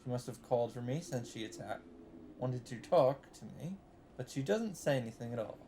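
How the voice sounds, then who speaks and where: Hosting a visual novel let's play, a man with a middle-pitched, creaky voice reads the narration evenly at normal speed. He occasionally cuts in with blunt asides full of cursing, over a faint underlying noise.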